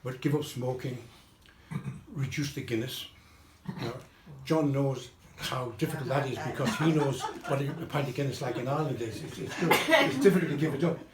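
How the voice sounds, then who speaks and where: A man's voice: medium pitch, moderate pace, crowd noise. Rambling old man giving a birthday speech. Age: 90s. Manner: rambling, repeats himself, chuckles while telling stories. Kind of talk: after-dinner anecdotal speech. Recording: roomy echo with loud room noise.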